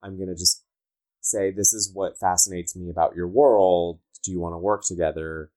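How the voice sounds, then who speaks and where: Socal guy in a casual interview, deep voice but talks total valley girl, says like a lot. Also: steady tone, normal speed, dark tone, low-quality recording. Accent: Southern Californian. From Southern California, United States. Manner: valley girl talk, peppered with "like". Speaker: interviewed comic book writer.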